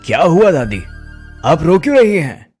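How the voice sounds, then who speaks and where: Man voicing a greedy young thief, cartoon, wheedling and sly, lively pitch. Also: moderate pace, soft background music. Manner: wheedling, mocking. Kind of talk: cartoon voice acting.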